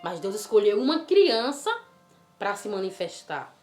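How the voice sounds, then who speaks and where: Lady telling kids a bible story, lively and coaxing, echoey room, soft music behind. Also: mid-range voice, measured pace. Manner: animated, coaxing, asks the child questions. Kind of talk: storytelling for children. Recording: roomy with faint music.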